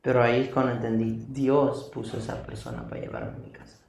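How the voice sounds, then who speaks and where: A man's voice: mid-range voice, wildly swooping pitch, a little fast, vocal fry, a little mellow, a little hiss or hum. A young man giving an earnest personal testimony, recounting events vividly with repetition. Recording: distant echoey room mic.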